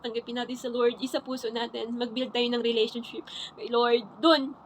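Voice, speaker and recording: A woman telling her personal faith testimony in a halting, repetitive way, often restarting her sentences. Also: fairly high pitch, steady tone, slight background noise, poor audio. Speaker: churchgoer sharing her testimony.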